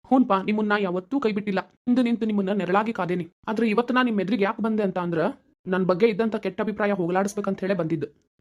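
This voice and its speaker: Speaking quickly in a mid-range voice, a woman plays a rich, kind, middle-aged family friend in a cartoon. Lightly acted, her earnest, reassuring delivery carries a North Karnataka Kannada accent and runs into long explaining speeches.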